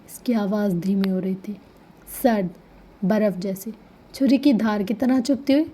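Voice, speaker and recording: Mellow-voiced woman narrating a novel. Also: medium pitch, fairly even intonation. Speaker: novel reader.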